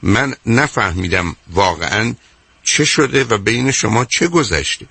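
A man's voice: fairly low pitch, lively intonation, vocal fry, bright, forceful tone, slightly rough. A man hosting a radio call-in as a psychologist, interrupting insistently and repeating "my dear" and "wait".

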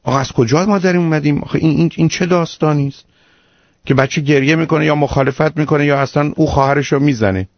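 A man's voice: fairly high pitch, no echo, muffled recording. Stern man lecturing a caller. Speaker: radio call-in advisor. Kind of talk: call-in advice show.

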